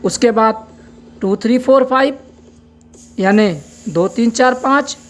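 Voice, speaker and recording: A woman's voice: fairly high pitch, slow pace, faint music behind. A woman teaching a braille lesson, patiently spelling words out and explaining each step. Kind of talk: slow spoken lesson.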